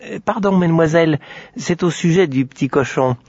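A man's voice: fairly high pitch, a little fast, noisy background, pitched above the performer's own voice, natural voice. A man voicing a polite, persistent little girl, hesitant and probing. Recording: dry, slightly dull lo-fi recording.

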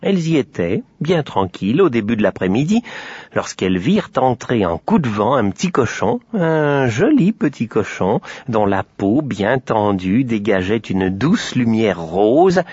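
A man reading a children's tale aloud, lively with playful asides. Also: medium pitch, unhurried, breathy edge, no room sound. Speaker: storyteller. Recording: dry, slightly dull lo-fi recording.

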